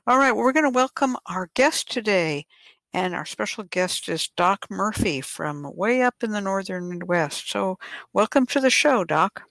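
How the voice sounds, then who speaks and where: Woman host with a gravelly voice. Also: mid-range voice, animated, normal speed, fairly bright tone, no echo. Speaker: podcast host. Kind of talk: casual explanatory talk.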